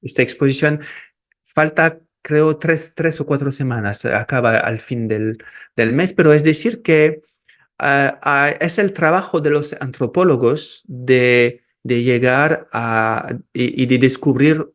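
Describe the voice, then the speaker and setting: A man speaking in an easygoing interview. He talks slowly and halts often, repeating words and restarting as he works out his thoughts. His voice sits at an ordinary middle pitch. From France and Peru, raised in Morocco. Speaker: osteopath and researcher, guest. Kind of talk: casual interview.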